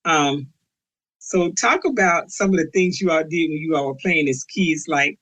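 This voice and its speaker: A woman hosting a podcast interview, asking questions and giving soft, encouraging "mm-hmm"s. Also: low-pitched, moderate pace, poor audio. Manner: warm encouraging prompts, many soft "mm-hmm"s. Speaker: podcast host.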